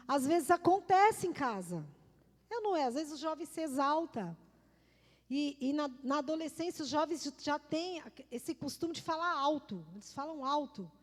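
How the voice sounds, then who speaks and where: A middle-aged woman pastor, preaching emphatically, repeating key words and calling on the congregation. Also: high-pitched. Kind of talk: sermon. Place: church. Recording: long reverb of a church hall.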